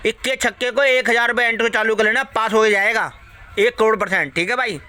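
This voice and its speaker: A man's voice: high-pitched, fairly even intonation, a little fast, sharp tone, clear, resonant tone. A man ranting casually at his viewers, repeating himself a lot and swearing freely as he warns them and gives betting tips. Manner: repetitive, preachy, swears freely. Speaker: satta tipster YouTuber.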